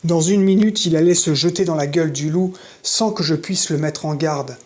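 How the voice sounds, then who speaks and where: A reader narrating a novel in an audiobook with steady, measured storytelling. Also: medium pitch. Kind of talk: scripted narration.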